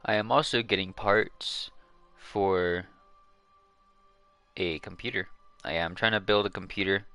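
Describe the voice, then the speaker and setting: A man with a low, deep voice talks loosely to his stream viewers, trailing off and restarting his sentences. His tone is bright and crisp, picked up close and dry, and he hiccups now and then. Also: fairly even intonation, unhurried, long pauses, dry recording, faint music behind. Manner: rambling, hesitant, many fillers and restarts. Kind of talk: casual live-stream chat.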